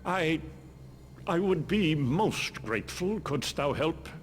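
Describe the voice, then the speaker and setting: Fantasy game craftsman: frustrated, formal, theatrical old-world diction, fairly high male voice, faint noise behind. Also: animated, slow. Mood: grateful, humble. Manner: theatrical archaic speech. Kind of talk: video game character dialogue.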